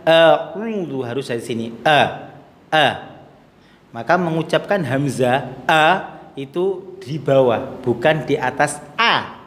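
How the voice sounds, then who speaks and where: A high-voiced man teaches children Quran recitation at an unhurried pace. He demonstrates each letter sound and has them repeat drills. His voice rings out with a long, hall-like reverb. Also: a bit bright.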